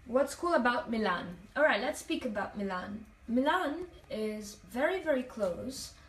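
With a fairly high pitch, lively intonation and a measured pace, this young adult streamer chats casually while reading comments aloud, using many fillers. Italian is her first language, and she comes from Italian-speaking Switzerland; she's on a hotel bathroom floor. Her phone, held at arm's length as she faces a mirror, records from a distance amid tiled echo and slight background noise.

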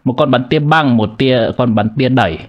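A man's voice: medium pitch, normal speed, highs cut off. Man running a tabletop game. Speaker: game master.

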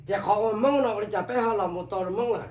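An older Laotian man, an elder storyteller, recounts the past at length for an oral history, leaning on many repeated filler phrases. His voice sits high and he stretches out his words. The recording is echoey and off-mic, with crowd noise behind him.

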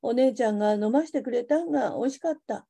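A woman's voice: a little high, quick pace, gravelly, warm tone, breathy edge. A woman voicing a badly burned young girl who pleads weakly in Hiroshima dialect. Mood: weak plaintive. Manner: weak, plaintive childlike pleading.

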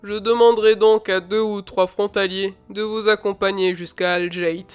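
A woman reads aloud as a stern bearded lord, his voice dropped well below her own and pushed out firmly. He talks slowly and gravely, with a smooth, clear tone over faint music. He is a proud father of a storybook realm. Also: medium pitch, steady tone, pitched below the performer's own voice, lightly acted.

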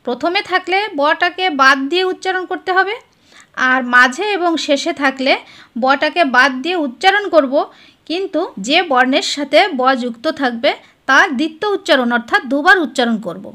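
Woman tutor, high and bright voice, slow careful step-by-step board lesson. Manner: explains step by step, asks and answers her own questions. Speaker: teacher.

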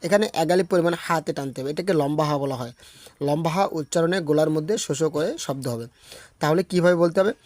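A man's voice: fairly high pitch, darkish tone, no room sound. A man teaching Quran recitation, patiently explaining correct pronunciation and correcting common mistakes. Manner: demonstrates recitation in slow drawn-out chant.

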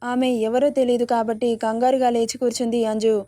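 A woman narrating a romance story in a steady, even read-aloud delivery. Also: fairly high pitch, fairly quick, dry recording.

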